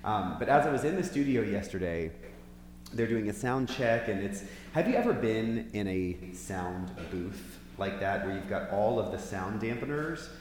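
A man's voice: on the low side, expressive, normal speed. A man preaching informally to a church group, conversational and putting questions to his listeners, in a big echoey hall. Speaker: preacher leading a church Bible class. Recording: big hall echo, long reverb, faint hum.

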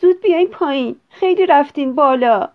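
Woman voicing anxious fussy mother, high shrill cries, lo-fi storybook audio. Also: natural voice. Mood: alarmed. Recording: dull lo-fi recording.

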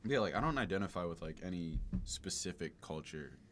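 Young man, American accent, deep register, casual slangy chat, slight noise behind. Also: expressive, a little fast, a bit bright. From southern United States. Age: young adult. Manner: slangy, anecdotal. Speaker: podcast co-host.

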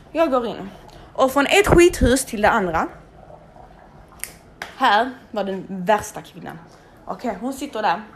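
A young woman telling a story in casual, animated speech, swearing freely and acting out the people she quotes. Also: mid-range voice, creaky, a little hiss or hum.

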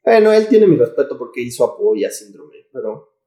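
Very animated and mellow, this medium-pitched man speaks at a moderate pace in an echoey room. He's a Mexican-accented comedy podcast host trading slangy, profane, laddish banter with irreverent humor.

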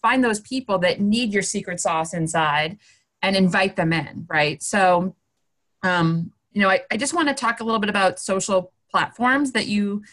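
A woman hosting an interview, upbeat and asking quick, direct questions. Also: medium pitch, a bit bright. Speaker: interview host, marketer. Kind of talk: casual interview talk.

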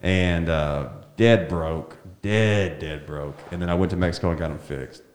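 A man's voice: deep voice, unhurried. A man, a comedian telling a long story in an interview and acting out what people said. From Alabama. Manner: animated storyteller, acts out quotes. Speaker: comedian guest. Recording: roomy echo.

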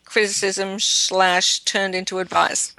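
Bright lady editor chatting, lots of ums and laughs, dry sound. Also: mid-range voice, flat delivery, slow, no room sound. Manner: self-deprecating, laughs often, hesitant fillers. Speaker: magazine editorial director, guest. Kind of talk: casual interview chat.

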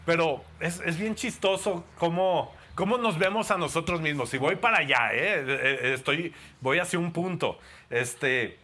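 A man's voice: on the high side, a little slow, hardly any pauses, pushed and bright. A man with a Mexican Spanish accent, a pastor giving a playful, conversational sermon to a congregation in a church.

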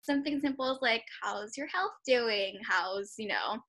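A young woman talks from home in a loose, chatty way, filling her sentences with "like" and "you know." Her voice sits a little high and sounds bright and forward. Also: lively intonation, measured pace. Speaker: interviewer starting a personal project. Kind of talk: casual conversational interview over a call.

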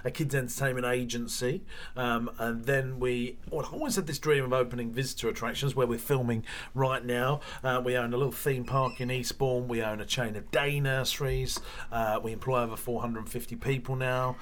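Male interview guest, Essex accent, mid-pitched, informal and chatty business talk. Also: fairly even intonation, a little fast, a bit bright. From Essex, England. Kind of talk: casual interview chat. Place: small studio.

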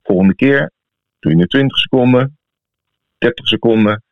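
A man's voice: medium pitch, normal speed. A man with a Dutch accent from the Netherlands chatting casually and informally as a podcast host. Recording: thin phone-like sound, echoey room.

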